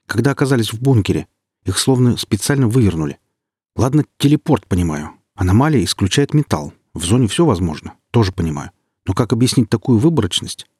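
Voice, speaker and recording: A man narrating voices a cynical, gruff veteran male stalker in a curt manner. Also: lowish voice, very animated, a little fast, a little mellow, dry recording, studio quality.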